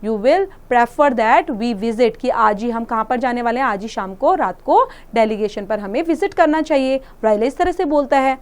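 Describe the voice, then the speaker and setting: A woman, teaching a textbook chapter. She reads lines slowly and explains each one in Hindi. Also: fairly high pitch, animated. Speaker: English teacher.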